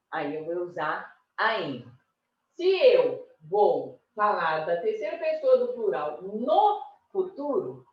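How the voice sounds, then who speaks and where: Slow-speaking teacher, echoey far-off sound. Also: female voice, mid-range voice. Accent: Brazilian Portuguese. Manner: slow, repeating words and stressing syllables. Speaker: primary school teacher. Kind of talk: recorded class lesson. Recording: echoey room, distant mic, dull sound.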